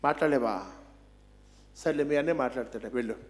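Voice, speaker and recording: Man doing God, deep, stern, weary, curt. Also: a little fast, slight background noise, natural voice. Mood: exasperated.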